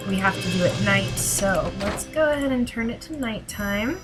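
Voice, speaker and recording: A woman's voice: medium pitch, animated, rough recording. A woman streamer chatting casually to her viewers while playing a game. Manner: chatty, unhurried, talks to viewers. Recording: loud game music behind. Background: game music.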